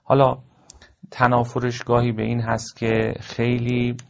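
A man teaching a formal lecture, explaining point by point in a measured way with frequent pauses. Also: mid-range voice, completely flat delivery, gravelly, darkish tone. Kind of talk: recorded classroom lecture. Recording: dull lo-fi recording.

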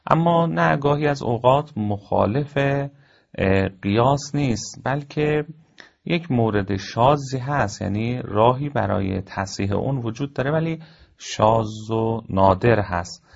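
A man teaching a formal lecture, explaining point by point in a measured way with frequent pauses. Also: medium pitch, lively intonation, vocal fry. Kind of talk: recorded classroom lecture. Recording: dull lo-fi recording.

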